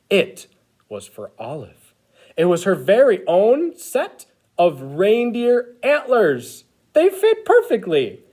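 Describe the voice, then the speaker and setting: An eager, childlike Christmas elf played by a man reads a storybook aloud to children. The delivery is exaggerated and expressive, with pitch that swings widely from phrase to phrase. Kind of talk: animated picture-book read-aloud.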